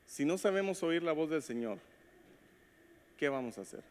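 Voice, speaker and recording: A man's voice: on the high side, expressive, moderate pace. A man preaching a sermon as pastor, speaking to the congregation and acting out short quoted voices. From Latin America. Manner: preaches with acted quotes and call-outs to the congregation. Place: church sanctuary. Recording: long hall reverb.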